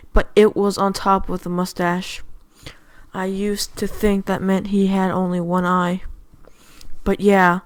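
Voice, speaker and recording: A woman reading a horror story aloud, sometimes dropping into a hush on the eerie lines. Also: on the low side, dry recording, poor audio. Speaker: reader. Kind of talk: scripted horror narration.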